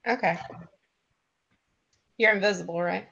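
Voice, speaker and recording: A woman's voice: mid-range voice, unhurried, vocal fry, pushed and bright, dull audio. A woman narrating a tabletop game as game master, taking her time with frequent ums.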